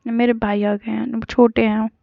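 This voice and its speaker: A woman voicing a polite, protective young woman who is an elder sister, speaking gently with mild scolding, in a storytelling retelling. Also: a little high, level tone, unhurried, gravelly, no room sound. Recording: dull lo-fi recording.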